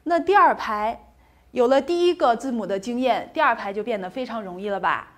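A woman's voice: on the high side, brisk. A woman teaching a recorded pronunciation lesson, patient and encouraging, saying each sound twice and asking the class questions before answering them herself.

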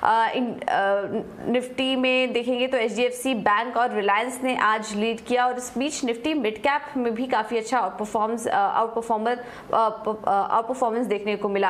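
A woman with a fairly high voice gives a live stock market report from a TV news studio. She talks fluently, filling her pauses with frequent "uh"s, on a close lapel mic. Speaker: markets correspondent.

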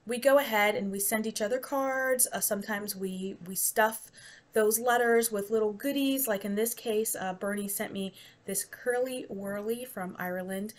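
A woman's voice: medium pitch, moderate pace. An American woman chatting casually to camera in a taste-test vlog, rambling and laughing easily. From United States. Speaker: vlogger.

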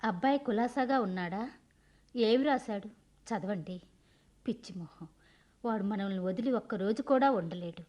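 A woman's voice: mid-range voice, moderate pace, long pauses, a little mellow, dull audio, natural voice. An actress playing a doting village mother who eagerly fusses for news of her son in a radio play.

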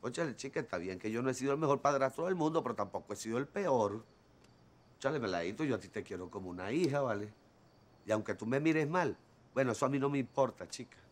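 A man's voice: mid-range voice, animated, fast, natural voice. An actor with a Venezuelan accent playing an earnest stepfather who pleads affectionately with his stepdaughter in a telenovela. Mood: pleading. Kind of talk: telenovela acting.

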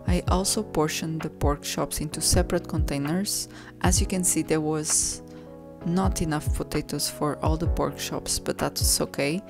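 A woman calmly narrating her home cooking video, soft and unhurried, sometimes correcting herself mid-sentence. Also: low voice. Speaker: cooking vlogger. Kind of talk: calm voice-over narration. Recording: voice-over with soft background music.

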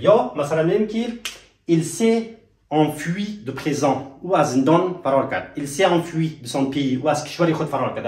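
Male language teacher, fairly high voice, slow drilled examples, roomy and off-mic. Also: far from the mic. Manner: slows right down to spell out French examples, asks students to repeat. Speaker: French teacher. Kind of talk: spoken language lesson with slow example phrases.

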